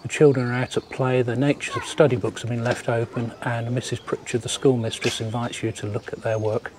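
This older man, a vlogger at a historic site, talks casually and reads aloud as he walks outdoors among village ruins and inside an old schoolroom. His medium-pitched, darkish voice moves fairly quickly with little pitch variation. The handheld outdoor recording picks up clear background noise.

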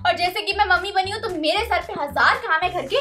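Very high-voiced playful young woman. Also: quick pace. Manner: playful, chatty, fussing over a child. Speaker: vlogger playing a mom for a day. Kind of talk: casual vlog chat. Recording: loud background music.

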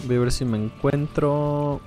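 A man's voice: a little high, fairly even intonation, unhurried, music in the background. A man giving playful, rambling let's play commentary, joking and laughing often. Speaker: gaming video creator.

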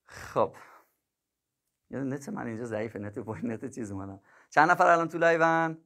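On a livestream, a male math teacher chats casually with his students, joking, laughing and calling them kids and dear ones. His voice is medium in pitch and gravelly, with a fairly bright tone.

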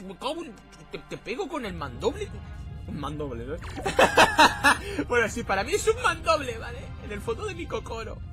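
Excitable swearing gamer guy. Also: high voice. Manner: excitable, swears a lot, shouts at the game. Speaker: let's play host. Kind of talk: let's play commentary.

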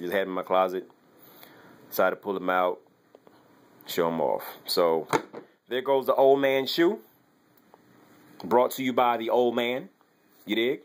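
A man giving a casual, chatty shoe review at home, talking loosely with slangy asides. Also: on the low side. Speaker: sneaker vlogger. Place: home bedroom, laundry running.

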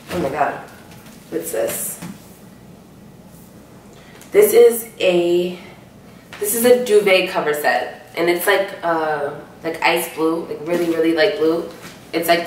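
A woman's voice: fairly low pitch, slight background noise. A young woman vlogger casually chatting as she unboxes gifts, bubbly and slangy, full of "like" fillers. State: out of breath at times. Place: room at home, moving in. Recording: echoey empty room, camera mic from a distance.

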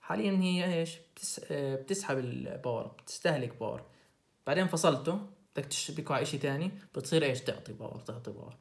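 Fast-talking young Jordanian tutor. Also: male voice, fairly high pitch, creaky. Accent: Jordanian Arabic. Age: young adult. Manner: asks quick questions and answers them himself, repeats key points. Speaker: student tutor. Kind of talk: recorded lecture explanation.

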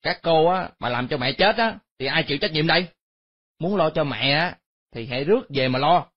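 A woman's voice: low voice, animated, moderate pace, pitched below the performer's own voice. A woman voicing harsh, angry grown sons who scold their sisters. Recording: dull lo-fi recording.

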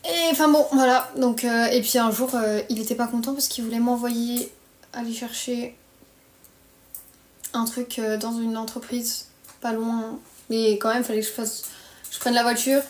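Holding her phone at arm's length in a small bedroom, this early-twenties live streamer from France complains casually in blunt slang with a French accent. She speaks at a moderate pace in a fairly high, fairly even voice, and the room gives the recording an echo.

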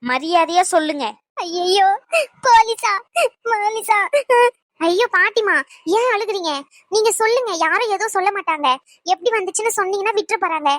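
A woman voicing a sharp-tongued young granddaughter in a cartoon, who presses her questions insistently. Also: extremely high pitch, brisk, no echo. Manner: insistent, argumentative. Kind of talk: cartoon voice acting.

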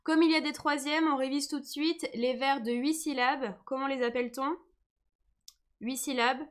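A woman's voice: sits high, steady tone, moderate pace. A woman teaching a live online lesson, patient and encouraging, who says she is tired today. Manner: patient, encouraging, reads comments aloud.

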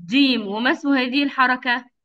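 A woman teaching young children over a video call, with patient, drawn-out enunciation and frequent praise. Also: high-pitched, sharp tone. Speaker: kindergarten teacher. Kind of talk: online phonics lesson for young children. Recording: dull lo-fi video call audio.

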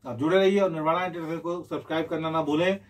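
High-voiced man teaching keyboard. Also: steady tone, very fast. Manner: patient, repeats counting steps aloud. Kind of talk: casual tutorial explanation.

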